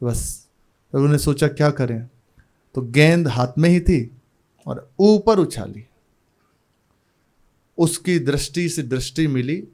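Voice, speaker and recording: A man from India, a spiritual teacher telling devotional stories in an unhurried discourse, his phrases often trailing off softly. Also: fairly high pitch, animated. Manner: slow, unhurried storytelling with soft trailing phrases.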